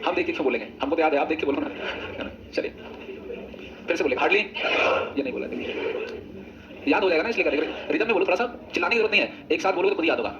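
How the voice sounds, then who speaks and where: A man leads an English grammar class at a quick clip, his voice sitting a little high. He drills the students in chorus and drifts into chatty, teasing asides. The recording is muffled and carries clear background noise. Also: expressive. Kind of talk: classroom lecture with choral drills. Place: coaching classroom.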